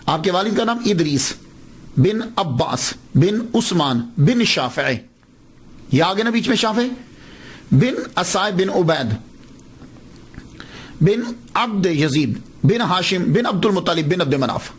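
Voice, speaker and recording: A man's voice: high-pitched, animated, long pauses, breathy edge. A man giving a patient, explanatory religious lecture, repeating words to stress how they are said.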